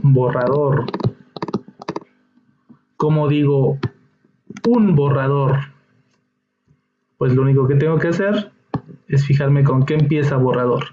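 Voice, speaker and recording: A man's voice: mid-range voice, slow, pauses often, warm tone, a little hiss or hum. A man teaching an English lesson, patiently explaining each step and checking in with his students. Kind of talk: slow classroom explanation. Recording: dull echoey room recording.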